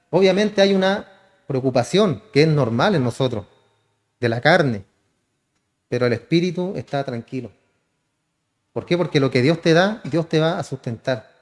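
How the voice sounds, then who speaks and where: A man, a pastor preaching a sermon, often calling listeners "hermano" and answering his own questions. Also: a little high. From Chile. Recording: church hall reverb.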